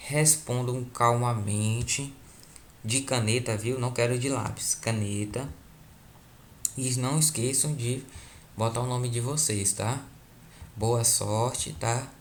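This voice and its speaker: A man's voice: medium pitch, steady tone, slow pace, slight background noise. A man with a Brazilian Portuguese accent, a teacher patiently going over a school test, repeating key points and checking in with his students.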